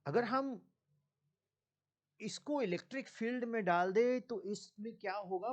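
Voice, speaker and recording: Indian male physics tutor, very slow and deliberate, quizzes his class as he explains. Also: high voice. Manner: slow, deliberate, mixing Hindi and English, asks students questions. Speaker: physics teacher.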